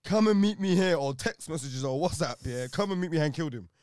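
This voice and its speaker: A man's voice: fairly high pitch, lively intonation, quick pace, a little mellow, clean tone, no room sound, studio quality. A man with a London roadman accent chatting casually in street slang, repeating phrases for emphasis. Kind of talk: casual slangy group chat.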